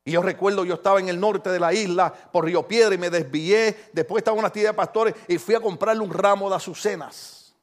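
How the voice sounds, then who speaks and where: A middle-aged Puerto Rican-accented preacher with a notably high voice delivers a sermon. He tells stories animatedly and keeps throwing rhetorical questions at his listeners. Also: fairly even intonation, fast talker. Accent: Puerto Rican Spanish. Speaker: pastor.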